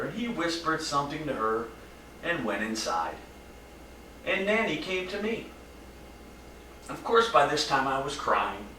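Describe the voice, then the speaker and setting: A brooding, haunted man, played by an actor speaks a dramatic monologue, his measured, hushed delivery breaking into urgent bursts. His voice is bright and swings widely in pitch. He is recorded at some distance from the mic in an echoey room. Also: a little hiss or hum. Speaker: stage actor. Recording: roomy echo from mic distance.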